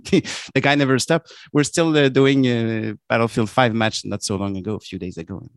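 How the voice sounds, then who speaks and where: A man with a French Canadian accent, a native French speaker, chatting effusively on a podcast in halting non-native phrasing. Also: mid-range voice, dry recording. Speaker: guest, competitive gamer and community organiser. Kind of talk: casual podcast chat.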